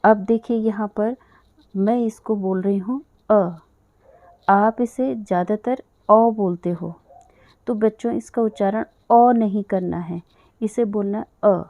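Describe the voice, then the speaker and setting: A woman teaching a language lesson to children, patiently spelling out sounds slowly and repeating them. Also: medium pitch, mellow, no echo.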